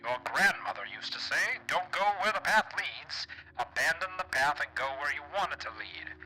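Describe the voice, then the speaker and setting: A man puts on a stately old gentleman whose letter crackles out as if played on an old gramophone. The voice is very bright and cutting, and the reading runs formal and measured, with lively rises and falls in pitch. Faint music plays behind him. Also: breathy edge, full character voice. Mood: solemn. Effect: old gramophone-style filter. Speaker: streamer reading a game letter.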